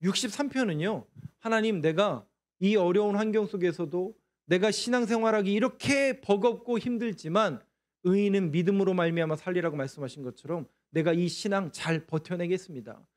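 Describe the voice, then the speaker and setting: High-voiced pastor preaching a sermon. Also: male voice, brisk. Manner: asks the congregation questions and answers them himself; acts out prayers in a pleading voice. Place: church sanctuary.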